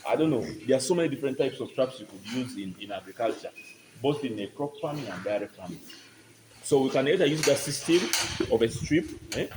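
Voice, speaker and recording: Speaking a little fast and with animation, a medium-pitched man gives visitors a tour of a dairy barn as their farm guide. His explanations come step by step, punctuated by checks like "you get my point?", all captured in a noisy barn recording.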